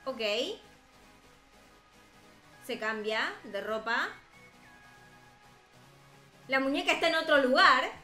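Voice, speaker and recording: A woman's voice: high voice, lively intonation, pushed and bright, roomy sound, soft background music. A woman, chatting and joking while reacting to a cartoon story. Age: 20s. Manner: chatty, amused, quick asides. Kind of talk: casual reaction commentary.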